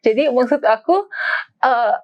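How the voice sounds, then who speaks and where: A woman's voice: fairly high pitch, expressive, measured pace. A woman in a casual Bible study discussion, animatedly telling a personal story. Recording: dull lo-fi sound.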